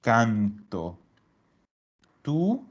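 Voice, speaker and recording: A man's voice: mid-range voice, sing-song, drawn-out words. A man teaching a grammar class, explaining step by step and patiently repeating his students' answers. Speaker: Italian teacher. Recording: dull lo-fi recording.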